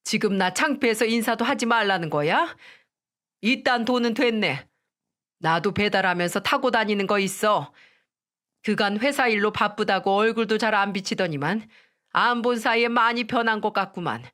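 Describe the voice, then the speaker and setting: A woman's voice: medium pitch, moderate pace, fairly bright tone, natural voice. An indignant older mother-in-law, voiced by a woman in a dramatized story, reproachful. She sounds hurt and scolding.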